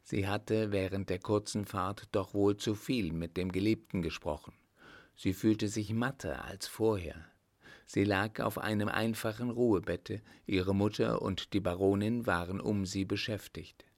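A man narrating an old-fashioned story in a measured, even reading. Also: lowish voice.

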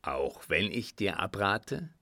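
A blustering old field marshal booms out blunt oaths in a low, gravelly voice, as a male reader puts him on. He speaks slowly and heavily. The storybook recording is close and dry. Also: sing-song, no room sound, exaggerated voice. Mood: gruffly tender. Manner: loud blunt outbursts and oaths.

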